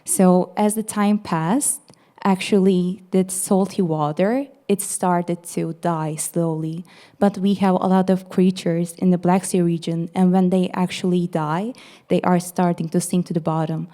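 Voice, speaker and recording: A young woman with a Turkish accent explains her project to an audience in a low, mellow voice. She talks earnestly and leans on "actually" as she walks through each step. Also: steady tone, unhurried. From Turkey. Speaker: master's student presenter. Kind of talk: casual presentation.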